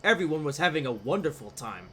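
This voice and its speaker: A man's voice: on the high side, big pitch swings, fast, fairly bright tone. A man reading scripted storybook narration for a cartoon, recorded with faint background noise. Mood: narrating.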